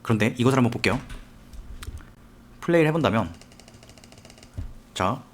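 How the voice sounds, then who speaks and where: A man teaching a software tutorial step by step, often asking the viewer questions as he works. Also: mid-range voice, expressive, normal speed, a little hiss or hum. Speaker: software instructor. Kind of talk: screen-recorded tutorial.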